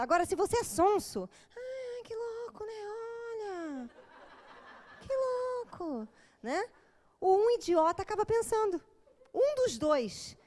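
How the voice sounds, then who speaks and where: Psychologist lady lecturing a crowd, high voice, chatty and jokey. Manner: lively, joking, acts out little quoted scenes. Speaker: psychologist giving a talk. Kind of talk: informal lecture to an audience.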